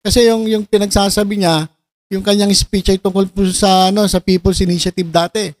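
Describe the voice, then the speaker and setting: A man's voice: high voice, steady tone, a little fast, no room sound. A man giving casual reaction commentary, mocking and sarcastic, often breaking into laughter. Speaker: video commentator.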